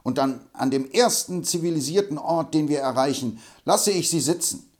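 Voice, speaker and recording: A man reading an audiobook, voicing a calm, stern frontier hero who speaks firmly and commandingly. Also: fairly high pitch, moderate pace, voice pushed up, natural voice. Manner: firm and commanding.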